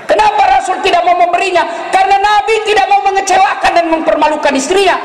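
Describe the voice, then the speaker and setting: A man preaching a humorous sermon, telling stories and acting out characters in lively voices. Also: very high-pitched, quick pace, some chatter behind. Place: hall with live audience. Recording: echoey hall with faint noise.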